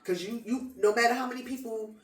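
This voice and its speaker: A woman makes her points with emphatic repetition in a relaxed chat. Her voice sounds distant from the mic and bounces around a roomy space. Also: on the high side, fast. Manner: emphatic, repeats phrases for stress. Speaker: podcast co-host. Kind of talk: casual advice chat. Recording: echoey room, mic at a distance.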